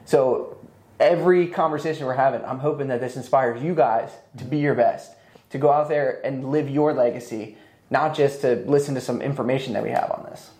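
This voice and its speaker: A man's voice: medium pitch, steady tone, brisk, darkish tone. A man in his thirties speaking as a podcast guest in a casual, motivational conversational style. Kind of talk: casual motivational interview talk. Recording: echoey, roomy sound.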